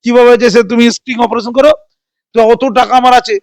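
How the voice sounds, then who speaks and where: Man, very high voice, rapid talk, sarcastic, combative, dry close sound. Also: flat delivery, dry recording. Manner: combative, sarcastic, rhetorical questions. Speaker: political interviewee. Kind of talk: heated political commentary.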